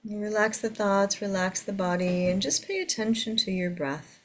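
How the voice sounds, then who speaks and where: A woman teaching a guided meditation to a seated group in a soothing, gentle way. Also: mid-range voice, moderate pace.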